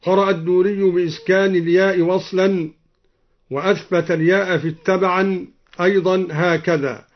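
A man teaching Quran recitation, explaining each reading and then chanting it slowly and melodically. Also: sits high, flat delivery. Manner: switches between plain explanation and slow melodic chanting. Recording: muffled lo-fi recording.

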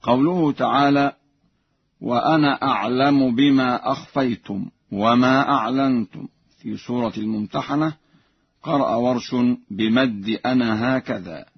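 Slow husky man on muffled radio. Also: mid-range voice, no room sound. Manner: slow, measured explanation with drawn-out chanted verses. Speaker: Quran recitation teacher on radio. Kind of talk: radio lesson with chanted examples.

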